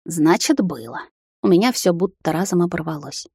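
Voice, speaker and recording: A woman's voice: fairly low pitch, expressive, moderate pace, darkish tone, breathy edge, dry recording, clean studio sound. A woman reading a romance fantasy novel aloud in a dramatic first-person narration. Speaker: audiobook narrator. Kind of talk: scripted narration.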